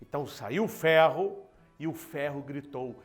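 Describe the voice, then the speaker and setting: Brazilian Portuguese male priest, emphatic sermon storyteller, unhurried, light instrumental music behind. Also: on the high side, animated. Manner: slow, dramatic, emphatic storytelling. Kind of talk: Easter sermon with a spoken parable.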